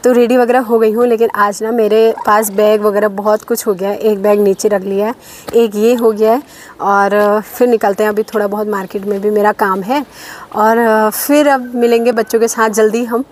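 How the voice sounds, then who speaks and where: Vlogging mostly outdoors along roads and through a village, this woman from India's Uttarakhand hills talks casually to the camera. Her voice sits mid-range with little pitch movement, a moderate pace, and a slightly mellow quality. Faint background noise from outside comes through a phone held at arm's length or a clip-on lapel mic.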